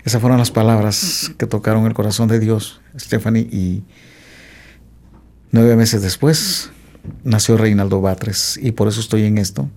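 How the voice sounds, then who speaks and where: Gravelly-voiced man telling his life story. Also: lowish voice, steady tone, a little slow, darkish tone. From Mexico. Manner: hesitant, with frequent "eh" fillers and restarts. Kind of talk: testimony in an interview.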